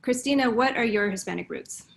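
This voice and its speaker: A woman's voice: on the high side, brisk, vocal fry. A woman moderating a virtual panel, introducing each guest in an upbeat way.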